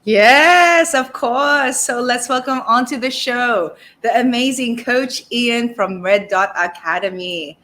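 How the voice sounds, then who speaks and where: A woman's voice: fairly high pitch, slow, hardly any pauses, sharp tone. A woman co-hosting a talk show, introducing the guest and asking questions in an enthusiastic, upbeat way. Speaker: co-host.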